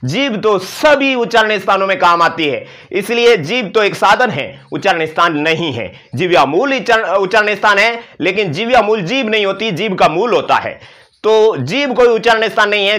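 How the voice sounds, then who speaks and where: A man's voice: sits high, expressive, normal speed, pushed and bright. A male teacher giving an exam-prep lecture, explaining and demonstrating sounds with playful asides to his students. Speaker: Sanskrit teacher.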